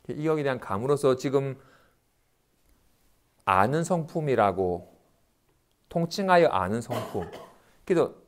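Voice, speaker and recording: A male monk delivers a dharma talk with a lively, swooping voice. He breaks into brief acted asides of everyday grumbles before returning to his explanation. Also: medium pitch. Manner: animated, acts out everyday complaints in quick asides. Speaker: Buddhist monk lecturing. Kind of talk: dharma lecture.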